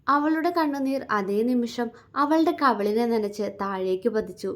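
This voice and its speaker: A woman storyteller reading a romance story in a steady, expressive way. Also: on the high side, measured pace.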